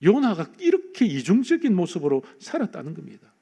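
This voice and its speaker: A man's voice: high voice, huge pitch swings, fairly quick, vocal fry, warm tone, breathy edge. A man pastor preaching a Sunday sermon in church, speaking emphatically and addressing the congregation directly. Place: church sanctuary.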